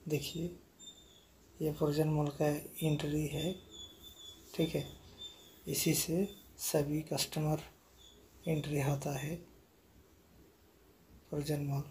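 His voice on the high side, monotone and a little mellow, a man speaks slowly with frequent pauses while touring a large shopping mall inside and out on his phone. He repeats himself and keeps calling viewers friends. There's a slight hiss or hum.

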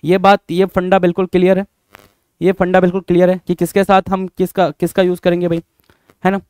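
A man's voice: sits high, completely flat delivery, fairly quick, a little mellow, clean tone, dry recording. A young Indian man teaching English grammar in a live online exam-prep class, addressing students as "bhai", repeating points and asking rhetorical questions. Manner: addresses students as bhai, answers chat comments by name.

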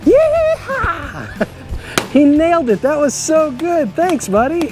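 Lively, animated kids' show host man. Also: very high voice, slow pace, over music. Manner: enthusiastic, exclamatory, laughs often. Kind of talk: upbeat kids' show tour hosting. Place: stadium locker room and football field.

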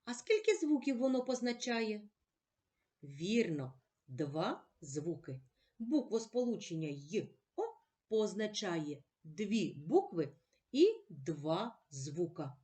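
A woman teacher giving a slow, clear reading lesson to children, stressing each word carefully. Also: mid-range voice, big pitch swings, mellow.

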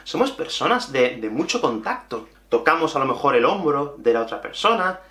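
A young man from Andalusia with an Andalusian Spanish accent, teaching a lively video lesson and stressing his points with repetition. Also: medium pitch, normal speed, roomy sound. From Andalusia, Spain. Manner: animated and emphatic, repeating key points.

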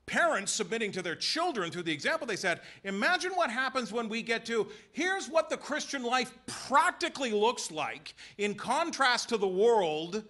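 A man preaching a sermon in a church, emphatic and full of rhetorical questions and quick voiced asides. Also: very high voice, very animated, sharp tone. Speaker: pastor. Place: church sanctuary.

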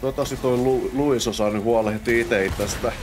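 A man's voice: medium pitch, fairly even intonation, background noise. A young Finnish man giving casual gameplay commentary, muttering to himself and bursting into exclamations during fights. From Finland. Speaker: let's play host.

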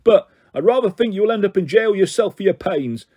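A man's voice: high voice, animated, a little fast, husky, dull audio, voice pushed up. A man voicing a sneering, hostile male policeman who accuses and threatens.

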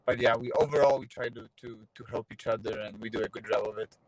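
Talking fast at a medium pitch, a Polish fighter in his thirties, a native speaker from Poland, rambles through a casual video-call interview with many fillers and restarts. He's in a parked car holding his phone at arm's length. The recording has no echo but sounds rough.

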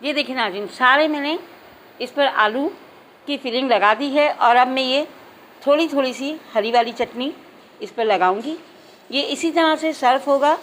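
A woman with a high, clear voice walks viewers through a home recipe step by step. She talks in a calm, instructive way and keeps addressing her audience directly. A faint hiss of noise sits under the recording. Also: normal speed, low-quality recording. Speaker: cooking channel host. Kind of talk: step-by-step cooking demonstration. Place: home kitchen.

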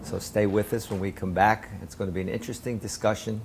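An older man hosting a local cable talk show from a small studio, speaking in a formal, measured way with frequent "uh" fillers. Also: fairly low pitch, little pitch movement, gravelly, slight background noise.

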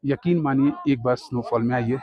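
A man's voice: mid-range voice, fairly even intonation, moderate pace. A man in his forties hosting a casual travel vlog outdoors, chatting and pointing things out to viewers. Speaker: travel vlogger. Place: outdoors on a mountain meadow. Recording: slightly dull lo-fi camera audio.

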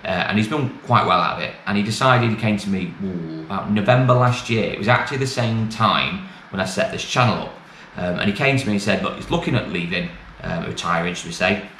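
This middle-aged British man, who sells used cars and vlogs, talks to camera in a loose, colloquial, matter-of-fact update. His pitch is fairly low, his pace a little fast with few pauses, and his tone bright and forceful. The small bare office echoes and carries clear background noise.

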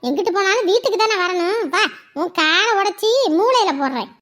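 A woman playing a sharp-tongued village wife. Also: very high-pitched, expressive, a little fast. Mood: mocking. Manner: scolding, sharp-tongued, teasing. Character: bossy married village woman scolding neighbours. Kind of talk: village comedy-drama acting.

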